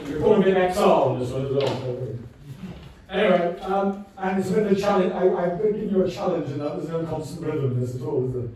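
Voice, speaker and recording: A man's voice: sits high, lively intonation, fairly quick, warm tone, slight background noise. An older man joking and rambling between songs as host of his own live gig, self-mocking and chatty. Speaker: musician hosting his album launch gig. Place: music venue with a live audience. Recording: echoey club from far off, crowd.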